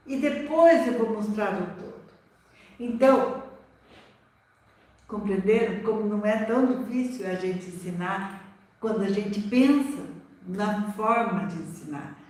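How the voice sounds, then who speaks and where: High-voiced Brazilian woman in an echoey room. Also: recorded from a distance. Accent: Brazilian Portuguese. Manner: animated, rhetorical questions, acts out quoted voices. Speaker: literacy educator. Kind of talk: live-stream teaching talk.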